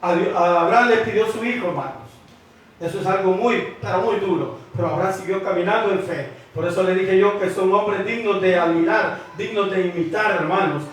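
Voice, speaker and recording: High-voiced preacher in an echoey hall. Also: male voice, a little fast, recorded from a distance, a little hiss or hum. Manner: repeats 'hermanos', asks the congregation questions. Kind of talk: sermon. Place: church hall with congregation.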